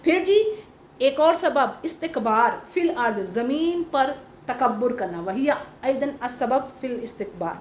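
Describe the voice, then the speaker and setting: A woman's voice: sits high, animated, reverberant, slight background noise. A woman teaching a Quran commentary class to a small group. She explains patiently, mixes in English terms, recites Arabic verses and asks the class questions.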